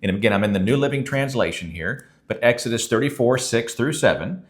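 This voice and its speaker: A man's voice: medium pitch, animated, a little fast. A man who is a pastor, teaching a sermon in an earnest, conversational way and reading scripture aloud.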